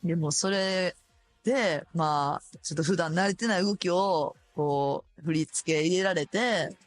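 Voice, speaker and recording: A radio host in her thirties with a Kansai accent and a hoarse voice, chatting casually and animatedly. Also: fairly low pitch, measured pace, faint music behind. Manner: chatty, animated, laughs often.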